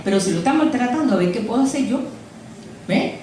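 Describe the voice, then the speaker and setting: A woman's voice: fairly high pitch, expressive, fast, darkish tone, a little hiss or hum. Older woman preaching in an echoey room. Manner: chatty storytelling, frequent "¿eh?" asides. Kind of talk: sermon. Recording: echoey room picked up from a distance.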